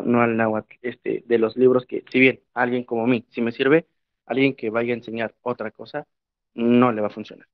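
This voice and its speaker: A young Mexican man with a mid-range voice, a Spanish native speaker with a Mexican Spanish accent, speaks thoughtfully in a panel talk, leaning on lots of filler words. He is a historian and Nahuatl teacher, captured in dry, muffled lo-fi sound.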